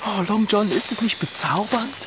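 An actor playing an earnest, excitable, soft-hearted bicycle mechanic in a children's radio play. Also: medium pitch, normal speed, music in the background, natural voice. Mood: awed.

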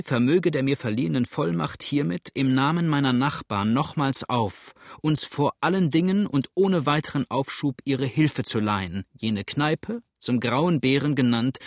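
A man's voice: medium pitch, no room sound. A blunt, impatient frontier farmer, read by a man, brusque and hearty, who lets his voice ring out. The recording is dry and close, with no room around it. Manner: brusque and hearty, calls out loudly.

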